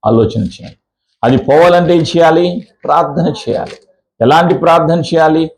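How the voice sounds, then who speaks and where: A man preaching a sermon as a pastor in a church, emphatic, with rhetorical questions and slow, repeated phrases. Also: on the high side, gravelly, rough recording. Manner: drawn-out slow phrases in series.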